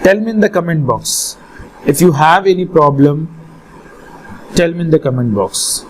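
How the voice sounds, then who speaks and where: High-pitched North Indian male teacher. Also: expressive, moderate pace, slight background noise, rough recording. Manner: repeats phrases, questioning and instructing students. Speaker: accountancy teacher. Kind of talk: live online lesson with questions to students.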